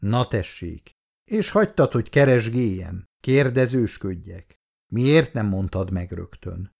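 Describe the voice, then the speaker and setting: A man's voice: fairly low pitch, sing-song, gravelly, darkish tone, full character voice. Bandi, a man playing an irritable husband. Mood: irritated. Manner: brusque, questioning. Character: irritable young husband, impatient.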